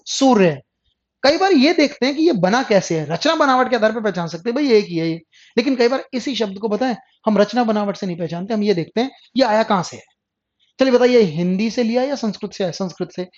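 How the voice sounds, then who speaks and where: Here a Hindi grammar teacher lectures online in a high, slightly dark male voice, quizzing his class and supplying the answers on his own. Key terms come up again and again, and the audio has a dull, lo-fi quality.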